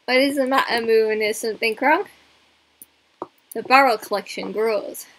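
A woman's voice: a little high, moderate pace, fairly bright tone, low-quality recording. A young woman streaming a game, chatting casually and rambling in a self-mocking way to her viewers. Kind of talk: casual live-stream chat while gaming.

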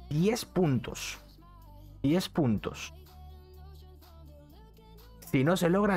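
Young man, casual streamer, repeats himself, faint background music, mid-pitched voice. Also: a little mellow. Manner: chatty, repeats phrases, reads chat aloud. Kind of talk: casual live-stream chat. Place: bedroom streaming setup with neon lights. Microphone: studio mic on arm, headset.

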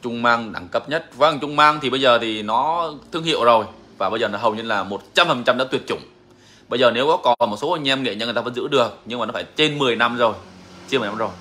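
A man's voice: mid-range voice, fast talker, bright, forceful tone. A man, a songbird breeder answering viewers in a casual live chat. He is emphatic and repeats his phrases.

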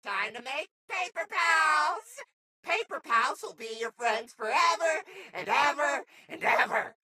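Manic sun jester animatronic, male, game role: high, wildly swooping, bubbly, theatrical daycare attendant. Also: expressive, slow, bright, forceful tone, exaggerated voice. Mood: exuberant. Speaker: game character voice actor. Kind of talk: animated video game character acting.

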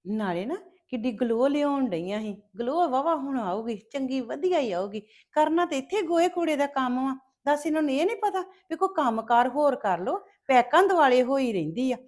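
A woman's voice: fairly high pitch, animated, normal speed, few pauses, a little mellow. An actress playing a spiteful, scheming woman who gloats over a mother and daughter, speaking. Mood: gloating. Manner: gloating, taunting. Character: spiteful scheming woman relishing a family's misery. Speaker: scheming relative. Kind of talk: web drama acting.

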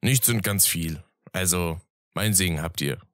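A man's voice: low-pitched, measured pace, fairly bright tone, no echo, studio quality. A man voicing a joking, teasing young wizard in a fan audio drama. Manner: teasing, laughing, sulky.

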